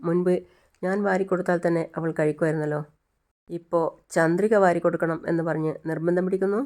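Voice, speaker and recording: A woman's voice: lowish voice, steady tone, brisk, darkish tone, close to an everyday voice. A woman voicing a worried grandmother. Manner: worried, questioning.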